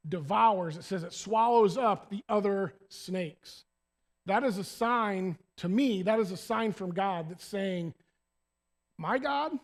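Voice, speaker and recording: Male preacher, high voice, animated and conversational, church sermon. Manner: animated, talks to the congregation directly.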